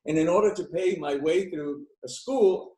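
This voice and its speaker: An older Cuban man, a beauty expert appearing as an interview guest, answers by telling rambling anecdotes full of fillers and restarts. His voice is fairly high and darkish, at normal speed, with a roomy echo around it.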